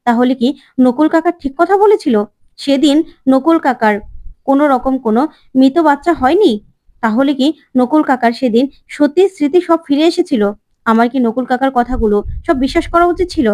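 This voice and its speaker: A woman's voice: high-pitched, moderate pace, darkish tone, lightly acted. A woman voicing a worried, determined young man who pleads and searches for the truth in a retold serial. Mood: earnest worried. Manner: earnest, pleading.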